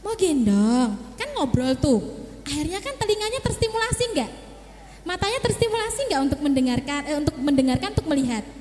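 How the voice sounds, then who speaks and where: A woman with a very high, lively voice gives a parenting seminar, coaching mothers and acting out scenes between parent and child. Her voice rings through a hall with long reverb. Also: a little fast, slight background noise. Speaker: child psychologist speaker.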